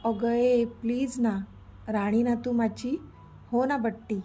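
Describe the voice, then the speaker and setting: A woman's voice: a little high, steady tone, slow pace, dark tone, faint music behind. A woman voicing a playful young man who teases and pleads with his girlfriend in a read-aloud story. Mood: pleading.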